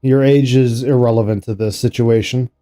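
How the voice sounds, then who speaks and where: Dark-voiced sarcastic streamer man. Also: medium pitch, steady tone, normal speed, soft background music. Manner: sarcastic, incredulous running commentary. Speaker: streamer reacting to an interview. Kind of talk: reaction commentary.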